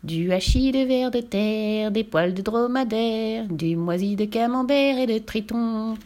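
A woman performs the part of a furious, vain old witch from a children's storybook, stretching out shrill, theatrical gloats. The voice is animated and close to her everyday one, with a sing-song mood.

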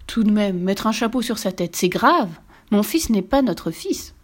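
A woman's voice: medium pitch, expressive, measured pace. A woman voicing an anxious young duke and father who laments dramatically over his son. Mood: lamenting.

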